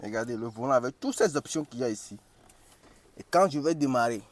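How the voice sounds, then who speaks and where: A man's voice: mid-range voice, animated, fairly quick. Chatty Cameroonian man showing off a car. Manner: chatty and joking, shows features as he goes. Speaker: car vlogger. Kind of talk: casual car review vlog. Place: inside a car, driving.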